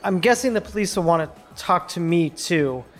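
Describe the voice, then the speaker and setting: A man's voice: sits high, expressive, moderate pace, faint music behind. A woman voicing a nervous, tipsy male coworker. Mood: uneasy. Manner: hesitant, uneasy. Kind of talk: audio drama acting.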